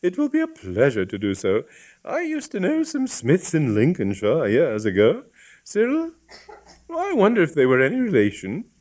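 A gushing, polite elderly lady, a bishop's wife, put on by a male reader. Her voice is raised high above the reader's own, with lively swoops of pitch. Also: moderate pace. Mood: gracious.

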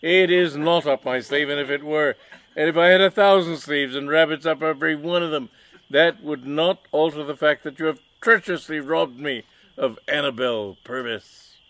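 A man voicing a theatrical, vengeful male stage magician who talks in loud, indignant declarations. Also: a little high, moderate pace, dry recording, voice pushed up, close to an everyday voice, low-quality recording.

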